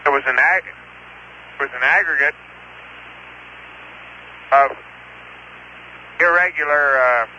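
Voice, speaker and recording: Halting man on a hissy radio link. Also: a little high, pushed and bright. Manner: halting and hesitant, many fillers and restarts. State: talking while eating. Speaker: field geologist reporting over radio. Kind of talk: live radio exchange, thinking aloud. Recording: muffled radio transmission with hiss.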